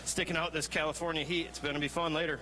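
A man's voice: fairly high pitch, flat delivery, quick pace, bright, forceful tone. A man in his thirties, a racer giving a casual post-race interview into a handheld microphone outdoors. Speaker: motorcycle racer. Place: outdoor trackside podium. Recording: clear outdoor event noise.

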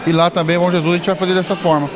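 A man's voice: sits high, little pitch movement, rapid-fire. Male councilor, enthusiastic interview answer, busy room chatter. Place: council chamber. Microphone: handheld mic held by interviewer. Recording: crowd chatter behind.

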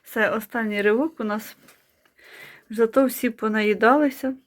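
Chatty woman with a slightly high voice. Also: fairly even intonation, moderate pace. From Ukraine. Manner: chatty, teasing, narrates what she sees. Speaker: vlogger filming family cooking. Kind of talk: casual chat to the camera. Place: home kitchen, indoors.

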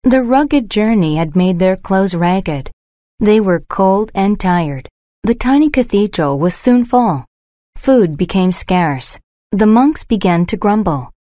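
A woman slowly reading short moral stories aloud for English learners. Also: medium pitch, dry recording, studio quality. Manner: slow, even reading. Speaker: story narrator. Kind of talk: scripted narration for English learners.

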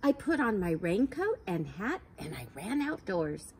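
A storytime reader in her forties, with a mid-range voice, shares a picture book with children outdoors on a patio by a wooden fence. She takes her time, her voice rising and falling playfully as she sounds out letters and gasps dramatically, over a soft outdoor hum.

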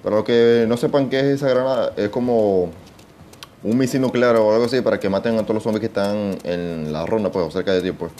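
Man, young adult, casual gameplay commentary, excitable and profane, low mellow voice. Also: brisk, slight background noise. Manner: excitable, swears often, talks to himself. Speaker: gaming channel host.

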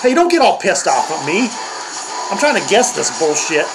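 A man's voice: high-pitched, big pitch swings, moderate pace, poor audio. An older man hosting a comedic reaction video, grumbling and mocking in a crude, profane way. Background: heavy metal music playing.

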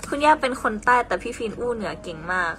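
A woman's voice: fairly high pitch, lively intonation, quick pace, fairly bright tone, soft background music. A young woman chatting casually on a live stream, reading out viewer comments while packing orders, playful and talkative.

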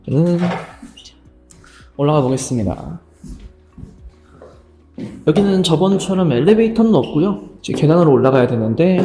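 A man with a slightly high voice talks quickly and brightly, narrating a casual vlog as he heads into a shop. His delivery is upbeat and conversational, with faint music playing underneath. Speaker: YouTube host and interviewer.

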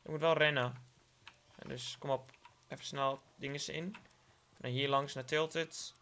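A man's voice: mid-range voice, fairly even intonation, a little slow, pushed and bright. A young man from the Netherlands with a Dutch accent, giving playful live gameplay commentary, joking with his viewers and dropping English slang. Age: young adult. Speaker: gaming YouTuber.

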